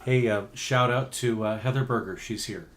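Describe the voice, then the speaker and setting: A man co-hosting a live stream in casual chat, passing on viewer comments and shout-outs. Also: mid-range voice, normal speed, a little hiss or hum. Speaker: co-host reading viewer comments.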